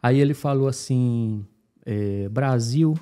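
Speaking briskly in a mid-range, darkish voice, a Brazilian-accented man recounts how he migrated, chatting casually as a podcast guest. He brings the story to life by acting out his conversations with the officials.

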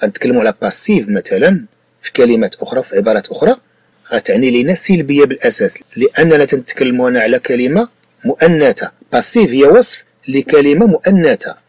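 Husky Moroccan man explaining patiently. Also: medium pitch, lively intonation, quick pace, darkish tone, no room sound. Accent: Moroccan Arabic. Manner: patient, repeats points and checks understanding. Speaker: French teacher. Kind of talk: explanatory tutoring lesson.

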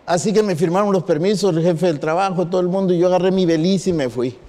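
Pastor in his 50s, high voice, animated storytelling, long hall echo. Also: fast talker. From northwestern Mexico. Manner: animated storyteller acting out quotes. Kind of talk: sermon with personal storytelling.

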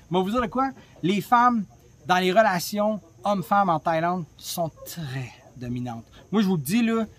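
A man's voice: high-pitched, a bit bright. A man with a Québécois French accent hosting a travel podcast, telling his story in a chatty, blunt way with lots of swearing, recorded on a phone. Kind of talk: casual storytelling monologue.

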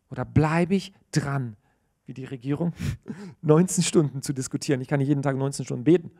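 Male preacher, 30s, earnest church sermon, animated delivery, lots of fillers and restarts. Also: a little high.

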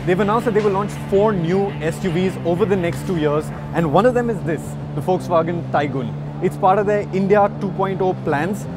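A man's voice: sits high, fairly quick, hardly any pauses. Upbeat man presenting at a car show. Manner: upbeat, explanatory, addresses viewers directly. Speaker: motoring journalist presenter. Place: large indoor auto show hall. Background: loud music.

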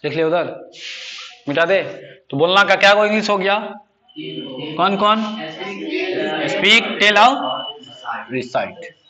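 A man's voice: sits high, lively intonation, normal speed, long pauses, pushed and bright, lo-fi sound. A man teaching a spoken English class, quizzing students with repeated questions. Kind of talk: classroom lesson.

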